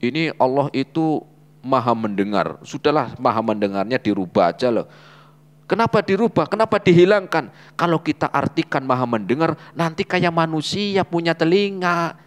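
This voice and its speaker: A man giving an Islamic study lecture as a religious teacher, preaching in a lively way, asking rhetorical questions and dropping frequent short fillers. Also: fairly high pitch, moderate pace.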